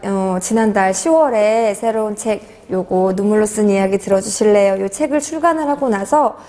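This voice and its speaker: A woman's voice: medium pitch, moderate pace, dark tone, long reverb tail. A woman in her forties, an author answering interview questions in an earnest, hesitant way with many fillers. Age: 40s.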